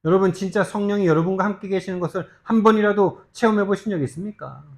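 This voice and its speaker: Male pastor, slightly high-pitched, preaching emphatically; rhetorical questions, swings from urgent to hushed. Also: fast. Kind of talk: sermon. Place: church sanctuary.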